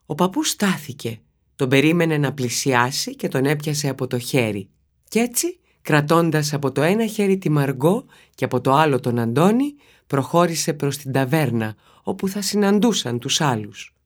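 A woman narrating a children's story in a steady, expressive reading voice. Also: low-pitched.

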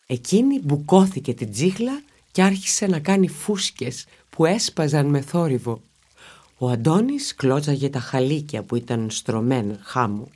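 Steady woman reading a storybook. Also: low voice, husky. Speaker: narrator.

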